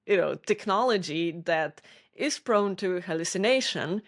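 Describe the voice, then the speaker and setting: A woman's voice: on the low side, expressive, measured pace. A woman co-hosting a casual podcast, talking thoughtfully with frequent restarts and small laughs. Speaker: podcast co-host.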